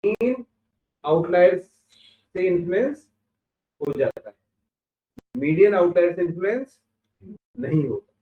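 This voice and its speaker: With a higher, expressive voice, an instructor lectures at a measured pace, leaving long pauses as he explains step by step and asks rhetorical questions. The recording comes from a phone-like mic far off in an echoey classroom.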